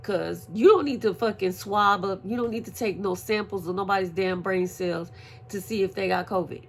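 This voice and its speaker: Woman with ranting on her home vlog, gravelly voice, swears a lot, faint hum in the background. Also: medium pitch, normal speed. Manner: profane, animated storytelling. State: recovering from surgery. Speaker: vlogger. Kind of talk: casual venting vlog. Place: at home, indoors.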